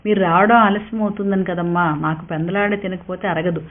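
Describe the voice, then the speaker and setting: A woman voicing an ailing elderly father who speaks softly and wearily. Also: on the low side, fairly even intonation, a little fast, close to an everyday voice. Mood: weary, gentle. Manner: weak, tired, soft-spoken. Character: elderly ailing father, gentle and self-effacing. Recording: tinny narrow-band sound.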